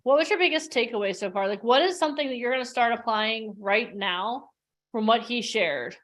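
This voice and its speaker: Brief: upbeat, chatty woman host, slightly higher voice, speaking over a video call. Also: brisk, fairly bright tone. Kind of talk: livestream workshop hosting.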